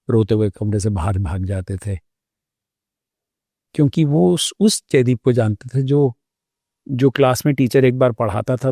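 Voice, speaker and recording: Speaking as a guest in an interview, a doctor reflects on his own experiences with a warm, mellow voice of medium pitch, pausing frequently. The audio is dry and close, lacking any room ambience.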